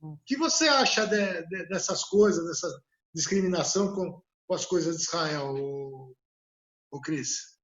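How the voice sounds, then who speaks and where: A man's voice: fairly high pitch, a little slow, a bit bright, highs cut off. A man hosting an interview, chatting casually and hesitantly, with frequent restarts. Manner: hesitant, many restarts and fillers. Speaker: interview host.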